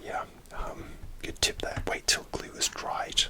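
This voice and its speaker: A man whispers close to the microphone, telling a rambling ASMR story full of pauses and fillers.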